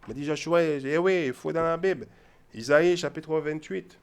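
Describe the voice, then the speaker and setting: The voice is a man's, fairly high in pitch, smooth, and moderately paced. Teaching the Bible informally, he repeats his points emphatically and keeps asking his audience "ok?" and "hein?"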